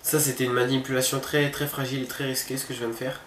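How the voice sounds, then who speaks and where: A man's voice: mid-range voice, level tone, fast talker, a bit bright. A man giving casual let's-play commentary, thinking aloud and chatting informally to his viewers. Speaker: gamer hosting a horror game video. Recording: roomy echo, faint background noise.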